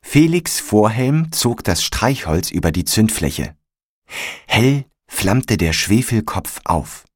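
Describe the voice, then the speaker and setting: A man narrating a story in a calm, measured audiobook style. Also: on the low side, no echo, studio quality.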